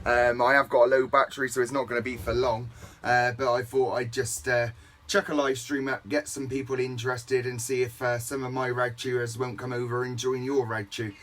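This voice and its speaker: A man's voice: mid-range voice, level tone, a little fast, fairly bright tone. A man on amateur radio chatting casually and hesitantly, full of fillers. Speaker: radio amateur live streamer.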